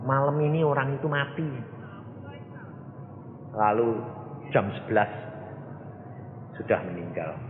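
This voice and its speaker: In a church hall, a male evangelist with a mid-range voice preaches a sermon, telling stories, acting out their voices and posing questions to the congregation. The hall is echoey, and the sound is thin and phone-like, with a little hiss or hum.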